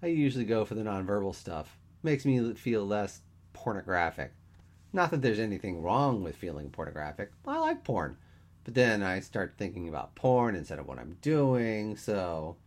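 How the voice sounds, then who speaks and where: A man voicing a brash, crude young man who reacts loudly and with disbelief. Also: fairly low pitch, very animated, moderate pace. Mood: excitable.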